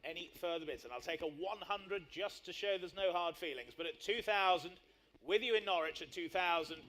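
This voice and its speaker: A man's voice: sits high, brisk, bright, forceful tone. A man working as an auctioneer, calling a live sale in short, repeated phrases and numbers. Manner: repetitive bid patter with short clipped phrases.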